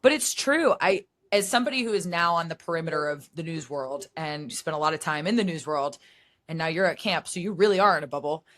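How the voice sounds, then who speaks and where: A woman in her thirties co-hosts a podcast in easy, chatty conversation. Her voice sits low for a woman. The recording is close and dry, with almost no room sound. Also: lively intonation, fairly quick, a bit bright, no room sound. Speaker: podcast co-host. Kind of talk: casual chat.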